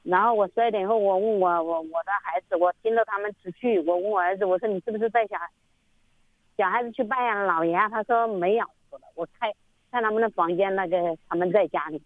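A woman's voice: mid-range voice, fast, dry recording. Rambling woman caller on a tinny phone line. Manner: rambling, repetitive storytelling. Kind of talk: phone-in call.

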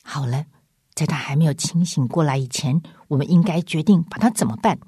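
A woman voicing a gentle, kindly old male bear in a spoken storybook. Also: low voice, fairly quick, husky, no room sound, studio quality. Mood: calm.

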